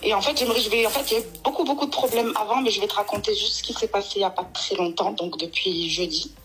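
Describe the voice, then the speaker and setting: A woman's voice: mid-range voice, quick pace, noisy background. A woman phoning in to tell a long personal story, rambling and emotional, with many restarts. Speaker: caller. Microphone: phone.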